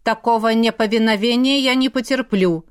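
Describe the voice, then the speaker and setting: A woman's voice: fairly high pitch, moderate pace, smooth, lightly acted. A woman voicing a stern, cold aristocratic father who heads a clan, with a commanding manner.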